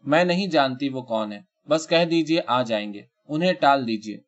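A man's voice: mid-range voice, lively intonation, natural voice. A man lending his voice to a frightened woman who trembles and pleads through tears in an audio short story. The voice sits in an ordinary middle register and is captured on a dull, lo-fi recording. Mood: fearful.

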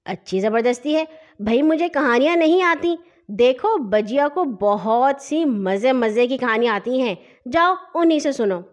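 A woman voicing a young older brother who gently teases and lectures his little sister in a storybook tale. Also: high voice, animated. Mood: refusing.

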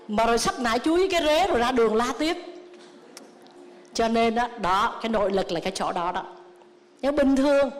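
A Buddhist nun giving a sermon, telling stories and acting out the lines of the people in them. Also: female voice, fairly high pitch. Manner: storytelling with lively quoted dialogue. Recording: long reverb of a hall.

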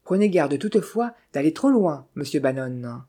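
A suave French count, gallant and gushing, as a narrator puts him on. He is cheerful and flattering, with a mellow, dark tone for a storybook. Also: medium pitch, moderate pace, husky.

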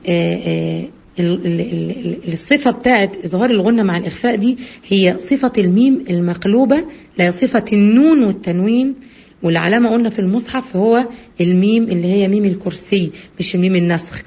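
A woman's voice: fast, warm tone. A woman with an Egyptian Arabic accent teaching recitation rules, asking her listeners questions and answering them herself. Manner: asks and answers own questions, many fillers. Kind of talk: explanatory lesson, addresses listeners directly. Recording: husky low-bitrate radio-quality audio.

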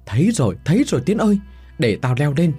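A man voicing a brave, determined young official in a horror story, calling out with a husky voice. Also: on the high side, very animated, fast talker, soft background music, full character voice. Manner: determined, shouting.

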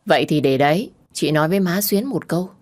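A curt, businesslike older-sister figure who talks in a casual, familiar way, as a woman storyteller puts her on. Her voice is low and matter-of-fact. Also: quick pace, lightly acted.

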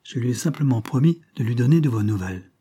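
A man reading a calm, dry-humored police agent in a measured manner. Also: medium pitch, breathy edge.

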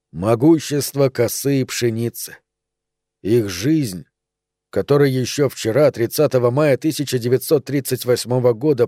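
Guy narrating a story, slow dramatic pauses, mellow low-toned voice, dry close sound. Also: no room sound. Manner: measured, dramatic, with long pauses. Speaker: audiobook narrator. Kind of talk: scripted literary narration.

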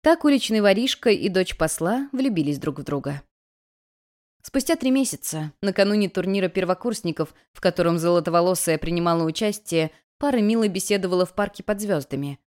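Woman reading a fantasy audiobook aloud, lowish voice, lively and expressive. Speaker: audiobook narrator. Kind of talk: first-person fantasy audiobook narration.

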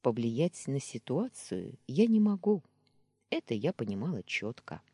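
A woman reading a first-person novel aloud in a measured, expressive storytelling manner. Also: extremely low pitch, breathy edge, dry recording, studio quality. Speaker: audiobook narrator.

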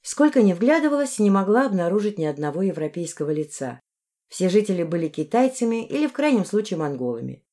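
A woman narrating a fantasy novel in the first person with expressive phrasing. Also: medium pitch, quick pace. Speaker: audiobook narrator.

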